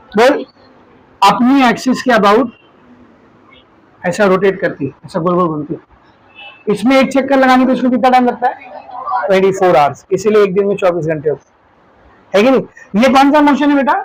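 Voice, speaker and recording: In a low-quality recording, a man with a high voice and an Indian accent gives a physics lecture to his class. He demonstrates with objects while explaining and calls the students "beta." He also asks the class questions that he goes on to answer himself.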